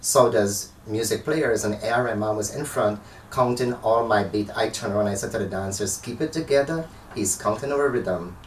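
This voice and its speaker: A man's voice: lowish voice, normal speed. A man from Guyana, a dancer, chatting as an interview guest and telling stories with animation. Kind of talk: casual interview chat. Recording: echoey room, far from the mic, faint noise.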